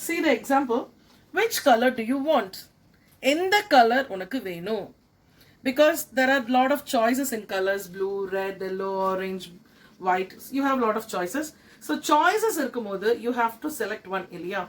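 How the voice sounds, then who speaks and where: A middle-aged school principal with a Tamil accent teaches an English class, slowly repeating each example sentence before giving it in her own language. Her voice is a little high, with lively intonation.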